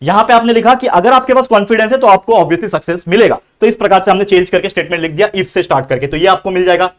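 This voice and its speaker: Indian male tutor, high register, walks students through answers with self-posed questions. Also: fast talker. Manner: explains step by step, asking and answering his own questions. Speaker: teacher. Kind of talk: exam-prep lecture.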